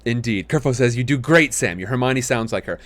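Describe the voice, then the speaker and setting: A man with a deep, lumberjack-like voice hosts a livestream in a casual, rambling, appreciative way, as someone who reads out submitted scripts. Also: fairly quick, fairly bright tone, a little hiss or hum. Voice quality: deep, lumberjack-like voice, deeper than usual today. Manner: rambling, appreciative, often thanking. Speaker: host reading listener-submitted scripts on a livestream.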